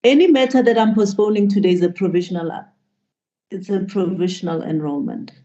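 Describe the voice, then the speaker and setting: A woman's voice: medium pitch, brisk, dark tone. A middle-aged woman presiding as a judge, giving firm, stern directions in formal court language. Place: indoor room with plain wall, video call. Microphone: computer microphone on a video call. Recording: dull lo-fi video call audio.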